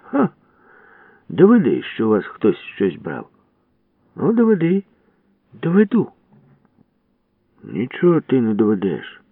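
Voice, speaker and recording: A man's voice: on the low side, gravelly, no room sound, voice pushed up, exaggerated voice. A man voicing a sly teenage bully boy who talks in a mocking, mock-polite way, on a distant, tinny radio recording.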